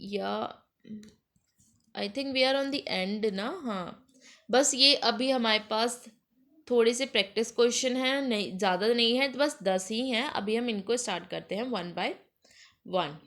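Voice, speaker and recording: A woman teaching an exam-prep grammar lesson, explaining in Hindi mixed with English and reading example sentences slowly. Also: on the high side, fairly bright tone.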